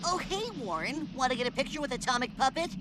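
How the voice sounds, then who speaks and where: A woman voicing an excitable, slangy teenage boy in a cartoon. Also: high voice, fast talker, background noise. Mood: excited. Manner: eager, slangy, panicky.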